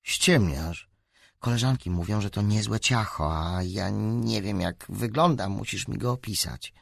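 A man's voice: fairly low pitch, measured pace, creaky, fairly bright tone, no echo, studio quality, exaggerated voice. A man voicing a sarcastic, teasing teenage boy in a storybook reading. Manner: mocking, skeptical.

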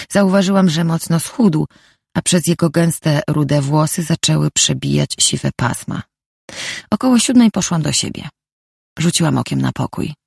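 A woman narrating a first-person novel as an audiobook in a calm, reflective reading. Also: sits low, vocal fry, slightly rough, no echo, clean studio sound.

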